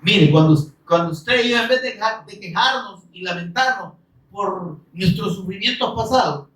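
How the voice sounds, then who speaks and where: A man preaching a sermon in an animated way, swinging between loud calls and soft asides and acting out complaints. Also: sits high, normal speed, roomy sound, distant mic, poor audio.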